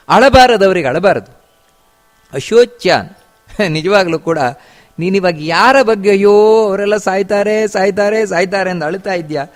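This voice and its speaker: A man giving a discourse on scripture, chanting verses and explaining them with repeated phrases and rhetorical questions. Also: high-pitched. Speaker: religious teacher.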